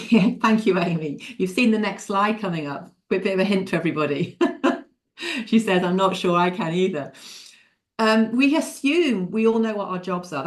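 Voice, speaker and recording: Woman running a leadership webinar on a video call, lively, laughs a lot, chats with the room. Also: medium pitch. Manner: lively, laughs often, addresses participants by name. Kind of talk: interactive webinar talk.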